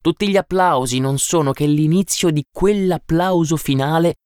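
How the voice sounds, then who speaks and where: A bookish, earnest man in spectacles lectures slowly and insistently, as a male reader takes his part. The voice stays smooth and clear, with deliberate pacing. It sounds like a dry storybook reading. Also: a little high, darkish tone, no echo, pitched above the performer's own voice, natural voice. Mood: explaining. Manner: slow, explanatory, insistent.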